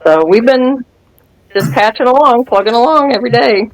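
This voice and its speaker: A woman in her fifties with a voice on the high side tells her testimony at a moderate pace as a guest in an informal interview. She's an animated narrator who reenacts what people said and laughs often. The recording quality is low.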